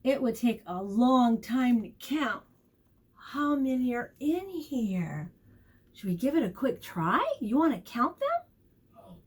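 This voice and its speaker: A woman teaching preschoolers reads a picture book aloud in a storytime vocabulary lesson, full of expressive encouragement, questions for the children, and drawn-out key words. Her slightly high voice is very animated and slow-paced, with a breathy edge.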